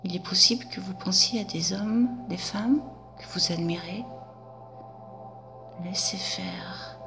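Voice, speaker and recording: A woman guiding a hypnosis session, speaking softly in a drawn-out half-whisper. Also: on the low side, gravelly, over music.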